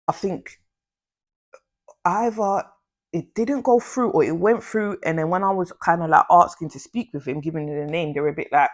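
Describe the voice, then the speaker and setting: A young woman telling a slangy, animated storytime vlog. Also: on the low side, moderate pace. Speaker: vlogger.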